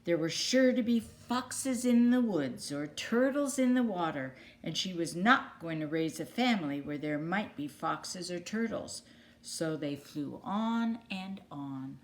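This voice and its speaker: Lower-voiced woman reading a children's story. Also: animated, a little slow. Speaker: storybook reader. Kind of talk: read-aloud children's story narration.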